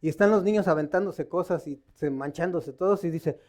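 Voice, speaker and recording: A man leads a Bible study in the loose manner of a lay preacher, not a polished speaker. His voice sits on the higher side, and he quizzes the room, pausing on fillers and restarting sentences as he hunts for the right word. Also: darkish tone. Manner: conversational, quizzing the audience with questions; stops to search for words, with many fillers and restarts. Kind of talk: informal sermon.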